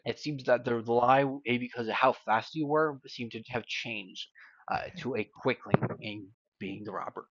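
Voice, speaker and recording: A man's voice: mid-range voice, normal speed, breathy edge, dry recording. Rambling man narrating as game master. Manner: loose, rambling narration with fillers. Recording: dry, dull lo-fi mic.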